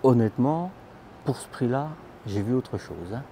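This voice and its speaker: A camper van vlogger with a warm, mid-range voice gives an animated, chatty walkthrough of vans at a big indoor trade show, filmed on a handheld phone. He talks at a moderate pace, addresses the viewer as "tu," and uses lots of fillers. There's a faint hiss or hum in the audio.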